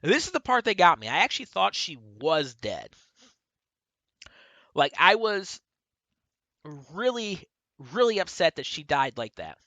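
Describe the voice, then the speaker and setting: A man talks through a casual review in a bright, edgy voice, looping back to correct himself and padding his sentences with fillers. The sound is dry and close, with no room around it. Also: sits high, sing-song, a little slow, pauses often, no room sound, muffled recording. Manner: rambling, self-correcting retelling with lots of fillers. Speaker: book and TV reviewer.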